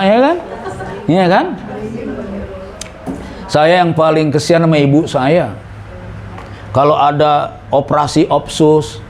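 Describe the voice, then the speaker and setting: An older man, preaching a humorous sermon, joking and acting out dialogue at a mosque gathering. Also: high voice. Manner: joking, lively, acts out dialogue.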